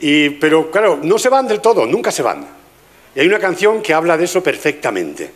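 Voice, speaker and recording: A man's voice: on the high side, big pitch swings, fairly quick. An older man from Spain with a Spanish accent, doing a chatty stand-up comedy routine at a gala and teasing the audience. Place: live stage with audience.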